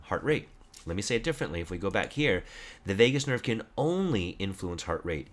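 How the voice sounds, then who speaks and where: A man teaching anatomy and physiology over slides in a casual, lively lecture, quizzing listeners with true-or-false questions and correcting himself as he goes. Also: fairly low pitch.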